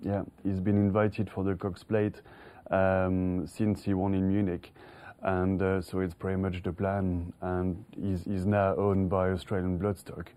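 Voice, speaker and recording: A man's voice: sits low, little pitch movement, unhurried, dark tone. A middle-aged man from France, a horse trainer, answering interview questions with many restarts and chuckles; French is his first language. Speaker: racehorse trainer.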